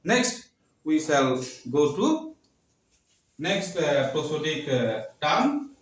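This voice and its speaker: Slow, halting man lecturing in an echoey room. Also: on the high side, sing-song. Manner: slow, halting, repeats terms with many fillers. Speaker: literature teacher. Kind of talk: classroom lecture.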